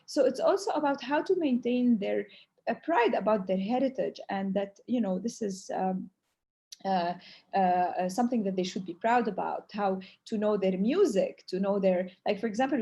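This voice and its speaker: In a slightly high, slightly mellow voice, a woman whose first language is Arabic gives long answers in a webinar as a humanitarian speaker. She comes across as earnest, with hesitant phrasing and Arabic fillers.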